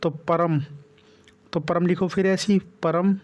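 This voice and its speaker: A man's voice: sits high, flat delivery, slow, dull audio. A man with a Hindi accent teaching a grammar lesson for exam preparation, repeating each step and checking in with the class. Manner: repetitive, checks in with "ठीक है" constantly. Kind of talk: whiteboard exam-prep lesson.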